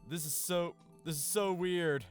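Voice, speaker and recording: A man's voice: fairly high pitch, unhurried, soft background music. A man casually commentating his own game playthrough, chatty and thinking aloud as he plays. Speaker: let's-play host.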